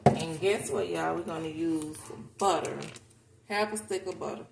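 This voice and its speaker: A deep, gravelly-voiced American woman cooks in her kitchen at home and chats informally and frankly with her viewers at a moderate pace. She's a home cooking vlogger, and the recording has a roomy feel with noticeable background noise.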